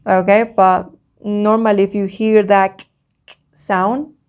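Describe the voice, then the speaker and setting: A woman, a native Spanish speaker with a Spanish accent, teaching a slow language lesson like a dictation, deliberately repeating words and sounds for the learner. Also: mid-range voice, little pitch movement, a little mellow, smooth.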